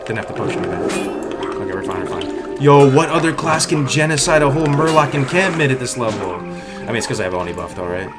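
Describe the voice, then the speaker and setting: A man's voice: mid-range voice, expressive, fast talker. A man livestreaming gameplay commentary with cocky, hyped frat-bro slang. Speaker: game streamer. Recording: loud music behind the voice. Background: loud music.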